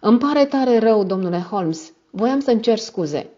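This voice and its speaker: Young male secretary read by a woman: anxious, apologetic, earnest. Low pitch, muffled lo-fi audio. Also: animated, darkish tone.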